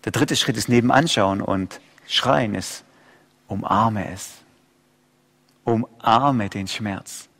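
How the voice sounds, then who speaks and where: A male pastor preaching an impassioned sermon, swinging between loud outcries and hushed low asides. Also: slow, gravelly. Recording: long hall reverb.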